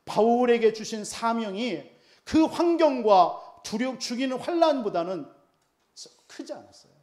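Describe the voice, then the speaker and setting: A man's voice: extremely high pitch, expressive, unhurried, a little mellow. A male pastor preaching a sermon emphatically, often putting rhetorical questions to the congregation.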